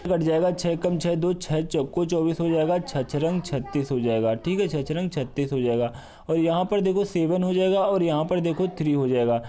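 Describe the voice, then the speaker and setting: A man's voice: on the high side, normal speed, dark tone. A male math teacher giving a step-by-step exam-prep lesson, repeating each step and talking to viewers like a brother. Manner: repetitive, step-by-step explaining, addresses viewers as brother.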